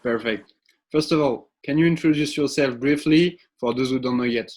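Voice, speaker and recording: A male interviewer asking questions in a halting way, with frequent hesitations. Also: mid-range voice, a little mellow. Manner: halting, with many "uh" fillers.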